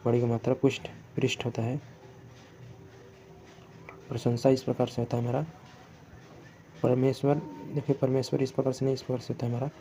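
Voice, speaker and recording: A man's voice: medium pitch, dark tone, slight background noise. A man teaching Hindi spelling for exam prep, going word by word and often correcting himself. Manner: self-correcting, repetitive word-by-word explanation.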